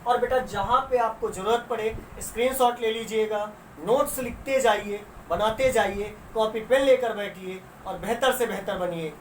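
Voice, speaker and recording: A woman's voice: a little high, moderate pace, hardly any pauses, distant mic. A woman teaching a school science class. She asks her students questions, answers them herself and stretches out key words. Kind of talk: classroom lesson. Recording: roomy sound with faint noise, away from the mic.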